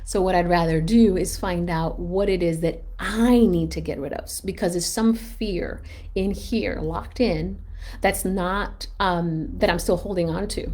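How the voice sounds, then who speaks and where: Unhurried and mellow, with a voice on the low side, this woman in her thirties recounts something personal about being a mom during a casual stream. She's open and introspective, wandering off, starting over, and laughing at her own expense.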